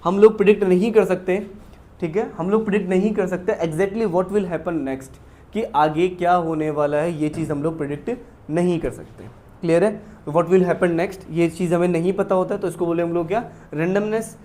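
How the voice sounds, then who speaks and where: Indian maths sir giving a lesson, high-pitched, soft dark tone, keeps asking clear hai. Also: male voice, steady tone. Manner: explains step by step, checks in with "clear hai"; reads English definitions slowly, then explains them in Hindi. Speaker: maths teacher. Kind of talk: classroom lecture mixing Hindi and English.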